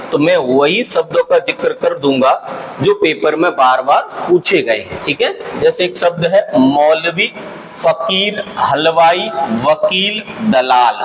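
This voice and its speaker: A male teacher delivers an exam-prep lesson, reading out word after word at a slow, unhurried pace. His voice sits a little high for a man, and he keeps pausing to check in with his students. A faint hiss of background noise runs under the recording. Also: fairly bright tone, poor audio. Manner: slow, deliberate listing with frequent "ठीक है" check-ins. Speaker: Hindi grammar teacher. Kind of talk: exam-prep lesson, listing vocabulary words.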